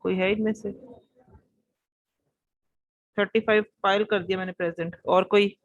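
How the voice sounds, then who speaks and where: Brisk woman teacher on a video call, dry and muffled lo-fi audio. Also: mid-range voice, fairly even intonation, dry recording. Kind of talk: online class roll call and lecture.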